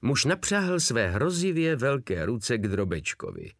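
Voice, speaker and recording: A male narrator reads an audiobook with vivid, lively storytelling and a voice that moves up and down freely. The sound is dry and close. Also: mid-range voice, dry recording.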